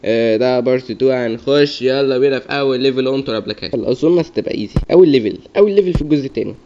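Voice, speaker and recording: A young man's gaming commentary, delivered very fast in a warm, mid-range voice with an Egyptian Arabic accent, is full of muttered, repeated self-coaching. The recording comes through a dull lo-fi mic with faint noise.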